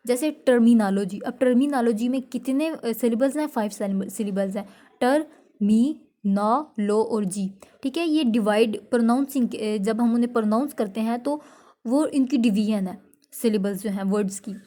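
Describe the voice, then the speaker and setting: Woman, teacher, somewhat high, mellow tone, slow deliberate definitions. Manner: explains in Hindi, slowly reads out English definitions, often checks in with listeners. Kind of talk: classroom lecture.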